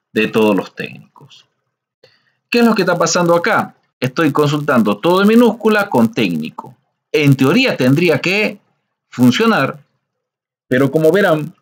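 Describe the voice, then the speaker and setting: Man, fairly high voice, unhurried teacher patiently walking through a coding lesson. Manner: patient, slow, explains step by step, frequent "¿sí?" checks.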